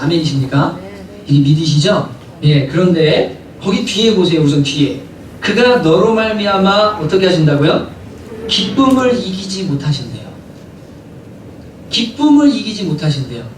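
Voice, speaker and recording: A male pastor preaching a sermon in a church, animated and often asking the congregation questions. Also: on the high side, slight background noise. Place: church sanctuary. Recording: echoey hall from a distant mic.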